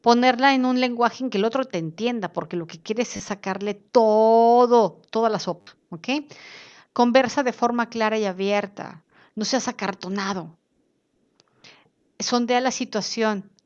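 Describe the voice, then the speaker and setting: A woman teaches an online class. She talks in a lively way and slips into other voices to act out the people she quotes. The recording sounds dull and lo-fi. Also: fairly high pitch, unhurried. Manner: lively, acts out quoted speakers in changed voices.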